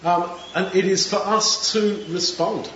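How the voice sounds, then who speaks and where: A man's voice: sits high, steady tone, measured pace, a bit bright. Male preacher, conversational sermon, dull lo-fi recording with faint hiss. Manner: conversational, acts out crowd voices. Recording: echoey room, dull sound, faint noise.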